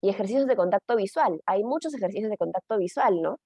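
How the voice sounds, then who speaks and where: A woman's voice: medium pitch, expressive, quick pace, mellow, breathy edge, no room sound, studio quality. A middle-aged woman explaining a training session in a conversational way, often checking in with her listeners. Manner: conversational, frequent tag questions and fillers. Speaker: teacher trainer.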